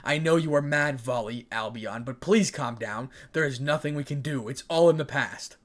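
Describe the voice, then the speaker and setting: Stern male leader, read by a man, fan story reading, urgent, pleading for calm. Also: medium pitch, moderate pace, close to an everyday voice. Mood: urging calm. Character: stern male leader calming his allies.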